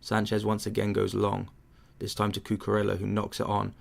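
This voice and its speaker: This young English host of a football watchalong has a fairly low, creaky voice and a completely flat delivery, speaking a little quickly. Chatty and full of filler words, he offers casual commentary and responds to questions from chat.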